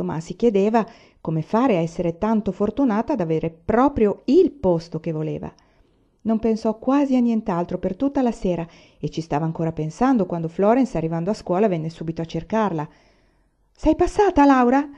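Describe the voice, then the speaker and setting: Woman reader, warm and mellow, steady storytelling, slightly muffled sound. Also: on the low side, brisk. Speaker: audiobook reader. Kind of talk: novel read aloud.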